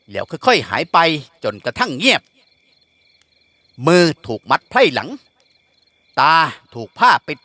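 A man reading a classic novel aloud with expressive storytelling. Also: on the high side, no room sound. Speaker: audiobook narrator. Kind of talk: scripted novel narration.

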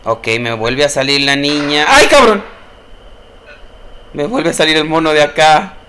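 A man's voice: a little high, moderate pace, sharp tone, slight background noise. A young man with a Mexican Spanish accent playing a horror game on stream, cursing often, jumping at scares and talking back to the game's characters. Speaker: gameplay streamer. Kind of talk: horror gameplay commentary.

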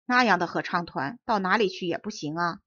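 A woman's voice: fairly low pitch, animated, brisk, sharp tone, no room sound. A haughty old man, impatient and scornful, in a storybook audio recording, voiced by a woman reader. The sound is dry and slightly dull. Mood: dismissive. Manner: scornful, dismissive. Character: proud, impatient old man at a radio station.

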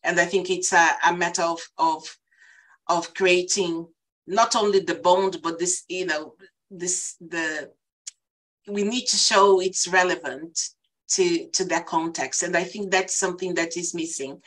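Speaking from a small indoor room, a panelist on a video-call panel discussion, a woman with a lower voice and Portuguese as her first language, talks at a measured pace with fairly even intonation. She is thoughtful but hesitant, frequently restarting, and the laptop webcam mic yields poor, slightly bright sound.

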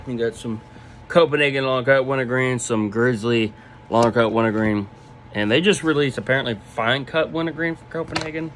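A man's voice: mid-range voice, steady tone, normal speed, a bit bright, slight background noise, low-quality recording. Young man talking with a lip full of dip. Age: 20s. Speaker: product reviewer. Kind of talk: casual vlog review, off the cuff. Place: small room indoors. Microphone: phone at arm's length.

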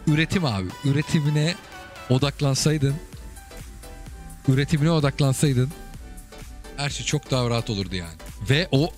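A man's voice: medium pitch, normal speed, pauses often, faint music behind. A man hosting casual commentary over viewers' game replays, chatty and asking the listener again and again whether they get it. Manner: chatty, keeps asking "you get it?" and calling the listener brother.

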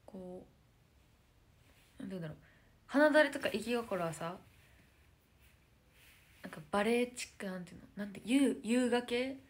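A woman's voice: mid-range voice, moderate pace, pauses often. Young woman rambling on a phone stream. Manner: rambling, searching for words, drops into whispered asides. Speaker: idol live streamer. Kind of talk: casual live-stream chat.

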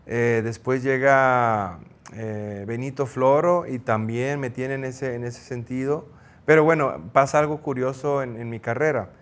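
A middle-aged man with a Mexican accent, a former goalkeeper, telling an anecdote in an interview, acting out the shouts he quotes. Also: medium pitch, unhurried. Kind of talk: storytelling in an interview.

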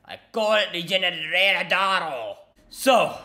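A young man streaming a video game, reacting loudly with laughter, constant swearing and excited shouts. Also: high voice, takes it slowly. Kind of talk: live gameplay reactions.

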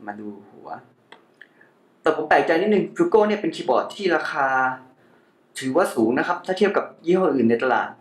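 A man's voice: a little high, big pitch swings, fairly quick. A young man giving a casual unboxing commentary as a tech reviewer, chatty and joking about his own mispronunciations. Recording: echoey room.

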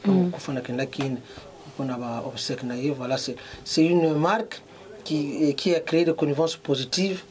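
A man's voice: on the high side, moderate pace, darkish tone. A middle-aged man from Congo, a fashion designer, interviewed in a clothing shop, mixing French and Lingala with emphasis. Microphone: handheld mic held by interviewer.

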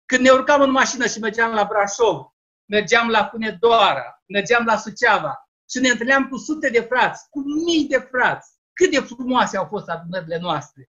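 Earnest preacher over muffled video call. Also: male voice, extremely high pitch, animated, sharp tone. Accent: Romanian. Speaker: lay preacher.

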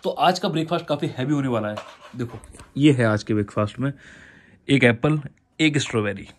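A man's voice: mid-range voice, brisk. A young man with a Hindi accent from Gwalior, chatting casually to a handheld phone in his daily vlog, laughing often. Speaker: vlogger.

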